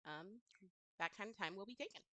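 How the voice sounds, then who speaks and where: A woman voicing a guarded female adventurer in a tabletop game, stiff and official, halting as she negotiates. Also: mid-range voice, lively intonation, a bit bright, no echo, lightly acted. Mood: formal, guarded.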